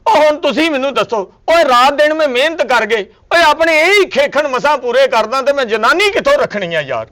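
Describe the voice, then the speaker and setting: A man's voice: extremely high pitch, sing-song, a little fast, bright, forceful tone, exaggerated voice. A man playing a husband who defends himself against his suspicious wife with jokes and sayings. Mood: lecturing. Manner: exasperated, lecturing with jokes and sayings. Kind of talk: comedy sketch acting.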